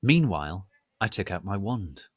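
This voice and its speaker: A man's voice: low-pitched, very animated, normal speed, no echo, clean studio sound. A man narrating a dramatic reading of fan fiction in a hammy, theatrical, stagey manner.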